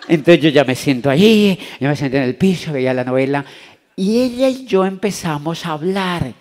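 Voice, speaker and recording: Convention speaker: Latin American man, fairly high voice, animated storyteller who acts out the voices. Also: moderate pace. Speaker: motivational speaker. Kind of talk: storytelling talk to a live audience. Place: convention hall.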